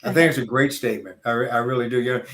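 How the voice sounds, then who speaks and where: A man's voice: mid-range voice, steady tone, very fast, fairly bright tone. An older man with a Southern accent, a guest talking in a folksy, rambling, opinionated way during a casual interview. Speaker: guest speaker.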